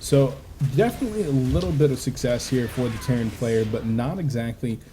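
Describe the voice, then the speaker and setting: A man doing casual play-by-play commentary on a video game match, relaxed and chatty with lots of filler words. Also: mid-range voice, brisk, slight background noise. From United States. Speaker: esports caster.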